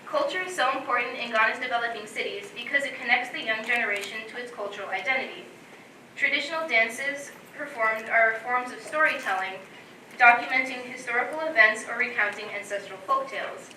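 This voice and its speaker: A young woman student reading a prepared presentation to an audience in a steady, formal way. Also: a little high, fairly quick, a little hiss or hum. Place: college event room. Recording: roomy echo, distant from mic.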